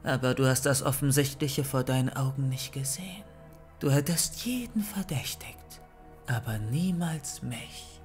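A man's voice: medium pitch, fairly quick, few pauses, faint music behind, voice pushed down, lightly acted. A man voicing a scheming young woman villain in an audiobook, cold and mocking. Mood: cold gloating. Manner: mocking, gloating.

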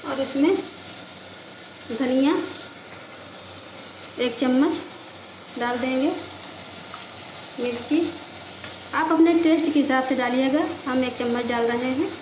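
A woman's voice: sits high, slow, long pauses. A woman hosting a home cooking video, explaining each step plainly and unhurriedly at her kitchen stove. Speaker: cooking channel host. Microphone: phone camera held over the stove. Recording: echoey kitchen with loud cooking noise. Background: sizzling and frying in the pot.

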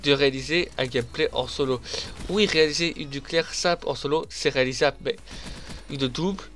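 This gaming commentator is a young man whose blocked nose and head cold come through as he talks emphatically over his own gameplay. His pitch is medium, his delivery brisk, his tone slightly bright. It's loose voice-over commentary, chatty and forceful, with the audience addressed as "les gars".

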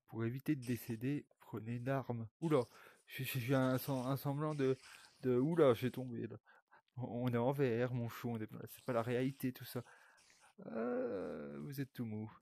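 A man's voice: medium pitch, moderate pace, vocal fry, darkish tone, dry recording. Streamer, young man, loose rambling VR gameplay chatter, swears a lot. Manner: rambling, swears often, talks to viewers. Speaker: streamer playing a VR game. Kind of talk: casual gaming commentary.

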